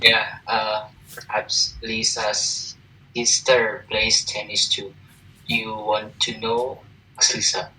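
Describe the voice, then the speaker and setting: A man reading answers aloud in an online English class, slow and halting, heard over a video call. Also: lowish voice, completely flat delivery, sharp tone, distant mic, poor audio. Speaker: student.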